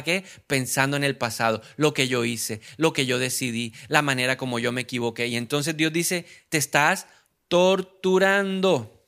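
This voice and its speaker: A man's voice: on the high side, fairly bright tone. A man preaching a sermon, repeating key words for emphasis and putting questions to the congregation. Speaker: pastor.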